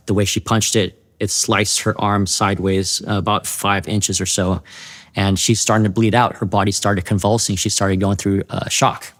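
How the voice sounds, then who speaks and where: A man sharing his personal testimony in an earnest, halting way, often restarting his sentences. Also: fairly low pitch. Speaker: testimony speaker.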